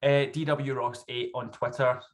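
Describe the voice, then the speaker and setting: Thick-accented Scottish male, thirties, guest author in relaxed conversational interview, medium pitch. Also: normal speed. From Scotland. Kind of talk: casual interview chat. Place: small home room, video call. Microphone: video call.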